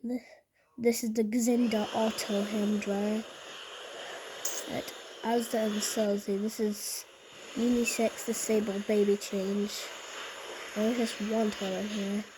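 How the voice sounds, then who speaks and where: A woman giving casual vlog commentary in a halting, repetitive way, often restating her phrases. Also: medium pitch, little pitch movement, background noise. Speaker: video narrator.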